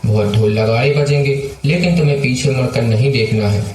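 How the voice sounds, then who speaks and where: A man playing a solemn divine voice giving commands in a dream, steady and authoritative. It rings through an echoey hall from some distance away. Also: medium pitch, a little hiss or hum, lightly acted. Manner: slow, commanding, instructive. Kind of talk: school stage play.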